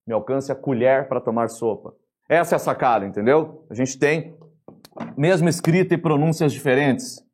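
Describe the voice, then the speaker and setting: A Brazilian man teaching a grammar lesson in a lively, chatty way, often asking the class questions. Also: mid-range voice, moderate pace. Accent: Brazilian Portuguese.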